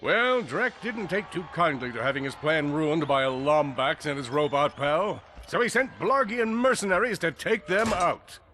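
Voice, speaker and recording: An actor playing a pompous galactic hero captain who tells a story theatrically in a video game. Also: male voice, fairly high pitch, moderate pace, few pauses, pushed and bright, a little hiss or hum. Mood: grandiose. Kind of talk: video game cutscene narration and dialogue. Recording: music behind the voice.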